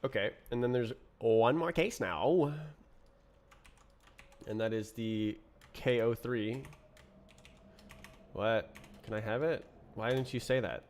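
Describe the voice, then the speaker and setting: A man's voice: medium pitch, slow pace, pauses often, darkish tone, slight background noise. A man with a sick-sounding voice thinking aloud as he writes code on a stream, muttering half-finished thoughts to himself. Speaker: programmer streaming his coding. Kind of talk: thinking aloud while live coding.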